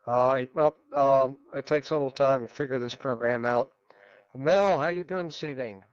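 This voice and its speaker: Net control operator heard over the radio: a man with a clear, smooth voice, rambling and easygoing, through a dry, muffled link. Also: medium pitch, moderate pace, dry recording. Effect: heard over a ham radio transmission. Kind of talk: running an amateur radio net. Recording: dull, lo-fi radio audio.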